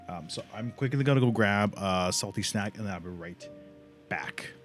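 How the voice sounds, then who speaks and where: A man with a fairly low voice, talking at normal speed, streams a video game live and keeps up a casual, crude, slang-heavy commentary. Game music fills the background.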